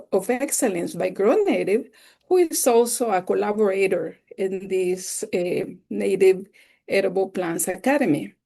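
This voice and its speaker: Slow, gravelly woman. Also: medium pitch, mellow. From El Salvador. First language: Spanish. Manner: enthusiastic, explanatory. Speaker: webinar instructor. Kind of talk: slide-based webinar lecture.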